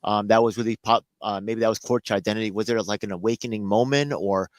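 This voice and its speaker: A male host with a low voice who talks fast and hesitantly, full of fillers. The sound is dry and close. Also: steady tone, no echo. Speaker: interview host. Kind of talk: casual interview.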